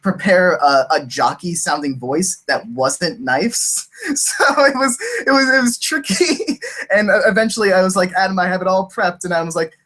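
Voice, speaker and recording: A man's voice: high-pitched, expressive, normal speed, pushed and bright. A man who voices cartoon characters, talking casually and laughing often, restarting sentences as he rambles. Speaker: voice actor. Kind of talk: casual podcast chat.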